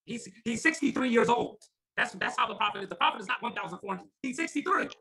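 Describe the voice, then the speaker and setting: Excited fast-talking man. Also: very high-pitched, creaky, rough recording. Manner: animated, repeats words when excited. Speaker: podcast panelist. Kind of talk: casual group chat.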